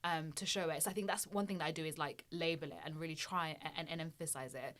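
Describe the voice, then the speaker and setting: Young woman from somalia, kinda low voice, earnest easygoing tips on a podcast. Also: fairly even intonation, fast. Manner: earnest, practical, gently encouraging advice. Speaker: climate campaigner guest. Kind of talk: casual podcast interview.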